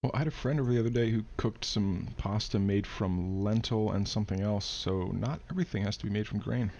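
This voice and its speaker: A young man co-hosting a gaming video, chatting in a relaxed, musing way while still waking up. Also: on the low side, brisk, lo-fi sound. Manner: relaxed, musing, a bit groggy in the morning. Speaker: co-host of a gaming channel. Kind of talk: casual chat while playing a game.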